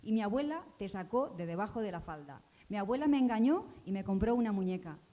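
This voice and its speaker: A woman's voice: mid-range voice, expressive, quick pace, dark tone, lightly acted. A woman voicing Valentina, a poor village girl remembering her childhood, in a breathless, childlike theatre reading. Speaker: actor in a stage reading.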